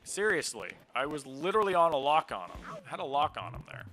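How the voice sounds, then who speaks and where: A man's voice: a little high, big pitch swings, fast talker, poor audio. A man giving casual, rambling commentary on a game livestream, often interrupting himself. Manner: chatty, rambling, self-interrupting. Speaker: streamer. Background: game music.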